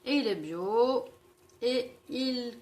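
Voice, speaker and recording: Brief: woman, higher voice, unhurried, hesitant casual makeup review, frequent self-corrections. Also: darkish tone. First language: French. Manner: hesitant, stumbling over product names and self-correcting. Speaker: beauty vlogger.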